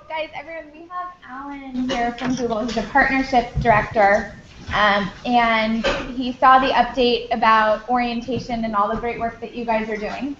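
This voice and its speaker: A woman introducing a guest speaker to a room of students in a friendly, brisk and chatty way, heard over a video call that carries the echo of the room. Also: fairly high pitch. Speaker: program coordinator hosting a guest speaker. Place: classroom full of students. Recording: echoey, dull, noisy video-call audio.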